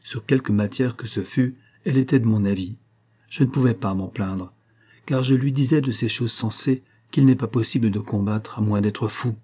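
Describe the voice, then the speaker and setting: A male audiobook narrator reading a classic novel in the first person, measured and earnest. His voice is low and dark, with a soft husky grain. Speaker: audiobook reader.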